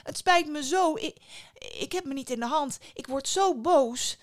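A woman voicing a short-tempered mother who talks fast and tense, always on the edge of exploding. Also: sits high, pitched above the performer's own voice. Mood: agitated. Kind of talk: storybook voice acting.

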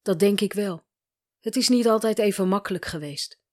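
A weary, guarded woman in an audio story, talking quietly and haltingly as she opens up to a counsellor, read by a woman narrator in her own voice. Her pitch sits in an ordinary middle range, and her tone is resigned rather than dramatic. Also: lightly acted.

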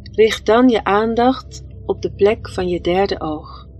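Slow, soothing woman guiding a meditation. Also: mid-range voice, muffled recording. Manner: soft, soothing, gentle delivery with long pauses. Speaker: guided meditation leader. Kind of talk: guided meditation narration. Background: music.

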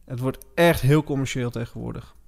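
A man's voice: mid-range voice, a little fast, vocal fry, a little mellow. A man co-hosting a casual podcast, mostly chiming in with short agreeing remarks. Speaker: podcast co-host.

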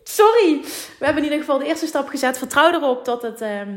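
A woman from Limburg with a thick Limburg Dutch accent, co-hosting a casual, unedited podcast, chatty and quick to laugh, slipping in English phrases. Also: sits high, a bit bright. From Limburg, Netherlands. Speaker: podcast co-host.

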